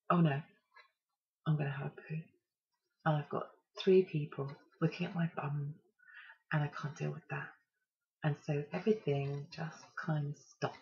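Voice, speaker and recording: Breathy gravelly mum chatting candidly, lots of ums, dull lo-fi home sound. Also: female voice, sits low, a little mellow. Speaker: mother telling her birth story. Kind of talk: casual personal storytelling. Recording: muffled lo-fi home recording.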